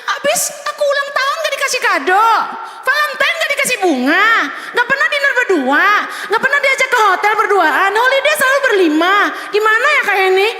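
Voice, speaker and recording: A woman's voice: very high-pitched, lively intonation, brisk, hardly any pauses, bright, forceful tone, reverberant, big-room sound, pitched above the performer's own voice, exaggerated voice. A woman preacher voicing a complaining wife who pleads in a whiny, half-laughing way.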